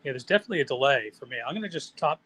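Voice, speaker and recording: A man's voice: medium pitch, expressive, very fast, a bit bright, breathy edge, no room sound. A man on a video call, joining as a guest and apologetically sorting out audio trouble from home. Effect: heard over a video call. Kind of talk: casual chat.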